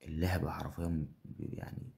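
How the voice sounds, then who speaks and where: A young man with an Egyptian Arabic accent giving hyped commentary on his own betting game, repeating phrases and breaking into excited bursts. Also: extremely low pitch, fairly quick, gravelly. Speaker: betting channel host. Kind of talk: gambling live commentary.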